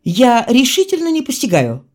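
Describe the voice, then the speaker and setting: A woman reading an excitable young male doctor. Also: mid-range voice, a little slow. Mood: pleading. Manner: excited, exclaiming.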